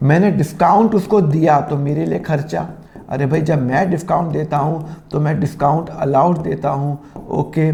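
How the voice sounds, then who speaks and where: A man teaching accounting, with a slightly sore throat he keeps clearing, acting out both sides of made-up phone calls. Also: fairly high pitch, warm tone, slight background noise. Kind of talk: classroom lesson with acted dialogues.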